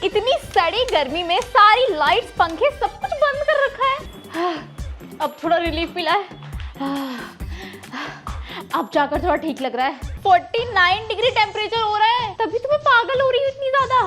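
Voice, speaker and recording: A woman's voice: very high voice, animated, measured pace, a bit bright, soft background music, exaggerated voice. Woman playing a whiny pampered daughter. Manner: whiny, complaining.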